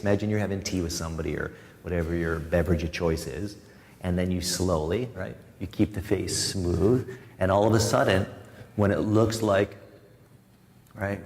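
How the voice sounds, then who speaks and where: A man guiding a live yoga class, giving calm cues broken up by chatty, joking asides to his students. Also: fairly low pitch, creaky. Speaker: yoga instructor. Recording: long reverb in a studio room.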